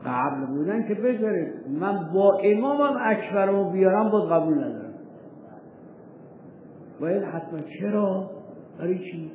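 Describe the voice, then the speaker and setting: Male law teacher, high voice, rhetorical questions, tinny phone-like echoey hall recording. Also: expressive, slight background noise. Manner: reads old texts slowly and deliberately. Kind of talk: seminary lecture.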